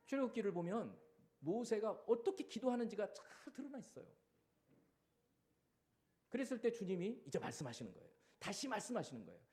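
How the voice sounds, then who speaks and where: Male pastor, sermon, high voice, swooping lively pitch, dramatic delivery. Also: a little fast, long pauses. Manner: animated preaching, acting out quoted cries and commands.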